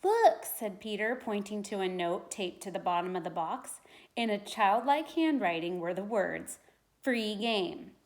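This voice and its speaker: A woman reads a children's storybook aloud like a teacher, with dramatic, deliberate emphasis. Her voice sits in the mid range.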